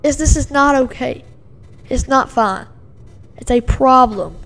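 A woman's voice: sits high, a little slow, fairly bright tone. Agitated rambling woman, reacting. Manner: agitated, rambling, many fillers and repeats. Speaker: video commentator. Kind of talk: casual reaction commentary. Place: home with a dog and a TV in the background.

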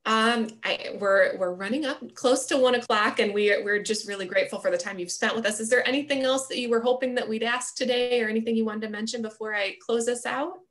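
A woman's voice: a little high, brisk, few pauses, fairly bright tone. An American woman in her thirties hosting an online book club in a polite, appreciative, conversational way. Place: small room at home, indoors. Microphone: video call computer microphone.

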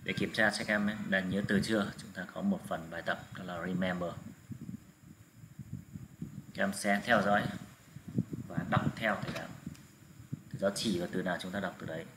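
A male English teacher leading a slow vocabulary drill, saying each word twice for the pupils to repeat. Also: low voice. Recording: steady background noise.

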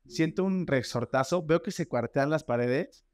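A man with a Mexican accent hosting a casual chat, reacting with quick slangy interjections. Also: fairly high pitch, a little mellow, no echo, studio quality. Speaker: podcast host.

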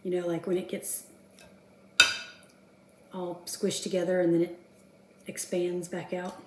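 A woman's voice: fairly low pitch, monotone, a little slow, background noise. A woman in her fifties chatting casually to the camera as she cooks at home, self-deprecating and talking to herself as she works. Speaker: home cooking vlogger. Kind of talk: casual cooking chat to camera. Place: home kitchen, indoors. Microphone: camera across the kitchen counter. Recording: echoey kitchen with clattering dishes.

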